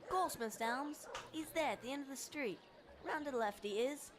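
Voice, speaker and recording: A woman's voice: high-pitched, brisk, background noise, natural voice. A woman voicing a cheeky young newspaper boy in a video game, chirpy, eager and streetwise. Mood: eager, helpful. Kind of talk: video game character acting.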